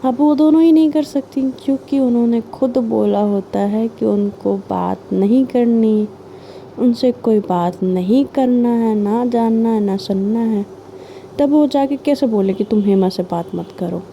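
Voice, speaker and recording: Casting: unhurried woman narrator, very dark mellow tone, chatty recap with voiced dialogue, faint hiss behind. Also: a little high, dull audio. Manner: chatty, retells scenes with quoted dialogue, sings snatches of film songs. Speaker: storyteller recapping a serial love story. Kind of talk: casual spoken storytelling.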